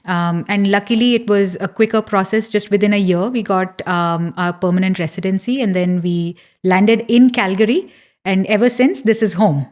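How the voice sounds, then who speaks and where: Middle-aged woman, physio guest, explains things slowly and carefully. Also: mid-range voice, darkish tone. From India. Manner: measured, explanatory, with fillers. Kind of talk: interview answers.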